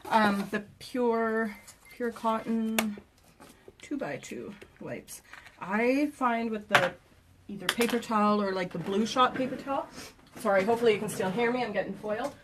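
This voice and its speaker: A woman's voice: medium pitch, a little slow, long pauses, background noise. Chatty woman doing nails on a live stream. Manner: relaxed, chatty, laughs often, mutters while working. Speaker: nail technician. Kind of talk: casual chat during live demo. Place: nail salon.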